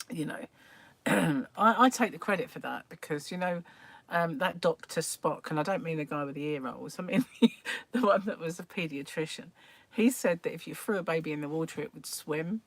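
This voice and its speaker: An older woman chats through family stories on a live stream, loose and unhurried, breaking into laughs between remarks. Her voice sits a little low for a woman, and the sound is dry and close with no room around it. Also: dry recording. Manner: chatty storyteller, laughs often between remarks. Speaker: livestream host. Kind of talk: casual anecdotal chat.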